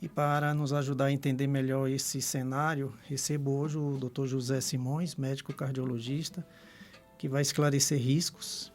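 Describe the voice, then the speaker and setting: Gravelly-voiced man hosting a live radio podcast. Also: a little high, darkish tone. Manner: formal, reads a prepared introduction.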